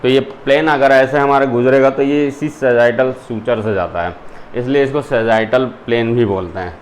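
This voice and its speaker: A man's voice: mid-range voice, moderate pace. Man teaching a lecture, faint noise. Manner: explains step by step, mixing in English terms. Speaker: zoology teacher. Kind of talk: classroom lecture.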